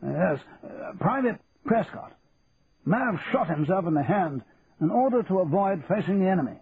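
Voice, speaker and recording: A man voicing a stern older army colonel who speaks formally and deliberately. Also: high voice, expressive, voice pushed up. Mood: formal, probing. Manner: measured, formal, officer's clipped diction. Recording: tinny phone-like, faint hiss.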